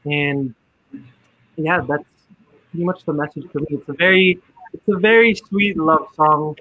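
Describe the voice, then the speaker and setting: A guest singer in his twenties with a Filipino accent chats easily in a casual radio interview, switching between English and Tagalog. His voice is fairly high and unhurried, with narrow, tinny audio and no room sound. He's easygoing and uses many fillers.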